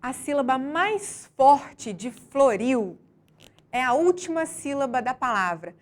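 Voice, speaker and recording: Woman teacher reading a lesson, kinda high voice, slow, stresses every syllable. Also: very animated. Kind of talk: scripted lesson narration.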